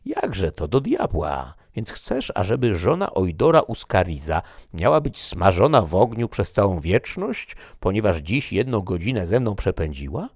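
A man voicing a jovial, talkative young nobleman who is easily moved, in an animated, exclamatory reading. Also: sits low, moderate pace, hardly any pauses, dry recording, studio quality, pitched above the performer's own voice, exaggerated voice. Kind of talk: audiobook character reading.

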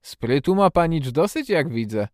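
A man doing a gruff old gardener, slow and stubborn. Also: a little high, very animated, no room sound, studio quality, voice pushed up. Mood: delighted.

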